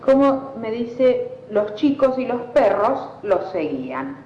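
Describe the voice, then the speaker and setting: A woman's voice: a little high, very animated, takes it slowly. Woman eliciting words. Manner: patient, repeats set prompts. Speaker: linguistic fieldworker. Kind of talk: elicitation interview. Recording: echoey, dull old field recording with faint hiss.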